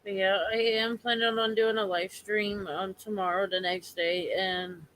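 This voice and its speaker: On a casual live stream from home, a woman whose allergies are making her hoarse chats with viewers, speaking haltingly and earnestly and circling back to repeat herself. Her mid-range voice is slightly bright with a flat delivery, and the recording quality is low.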